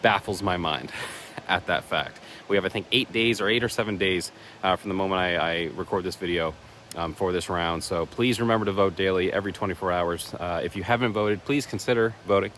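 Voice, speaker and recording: Out in the woods, a male vlogger who competes in horror contests talks casually to camera in a deep, fairly bright, slightly raspy voice. He's a little fast, chatty and self-deprecating, rambling with fillers, while a leaf blower and vehicles sound faintly in the background.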